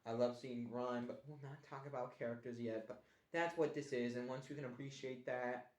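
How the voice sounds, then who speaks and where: A man's voice: mid-range voice, steady tone, moderate pace, a little mellow. Man reviewing a cartoon in a put-on Aussie accent. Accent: put-on Australian. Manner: rambling with restarts, mock-complaining. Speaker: show reviewer. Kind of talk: casual review monologue. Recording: echoey room.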